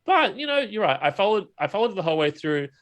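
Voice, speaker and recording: Male co-host, somewhat high voice, keen and chatty, keeps the talk moving. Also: big pitch swings, fast talker, a bit bright. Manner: enthusiastic, steers the conversation, laughs while talking. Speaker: podcast co-host. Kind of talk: casual chat about a film.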